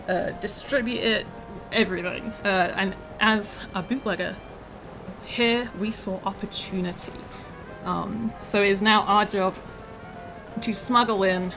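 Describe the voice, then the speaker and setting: A woman game developer with a scratchy, rough voice from feeling unwell, chatting casually through a livestream of her studio's game, with many ums and uhs. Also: mid-range voice. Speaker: game developer streaming a demo.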